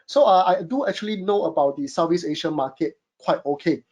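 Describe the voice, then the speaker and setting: A man's voice: fairly high pitch, brisk, darkish tone. A man from Singapore with a Singaporean English accent, presenting a webinar from a home studio in a chatty way, full of fillers. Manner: chatty, many fillers, addresses audience as guys. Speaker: webinar host and e-commerce consultant.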